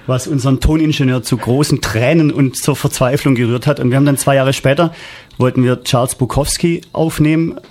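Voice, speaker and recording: A man's voice: mid-range voice, darkish tone. A man who produces audiobooks, talking casually as a guest with many hesitations. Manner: anecdotal, hesitant with many fillers. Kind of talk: casual interview talk.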